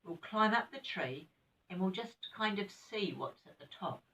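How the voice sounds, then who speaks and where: Eager young storybook children, keen on a secret adventure, as a sweet old lady reads them. The accent is New Zealand and the delivery is expressive. The sound is a little off the microphone. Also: medium pitch, measured pace, distant mic, pitched above the performer's own voice, rough recording. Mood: planning.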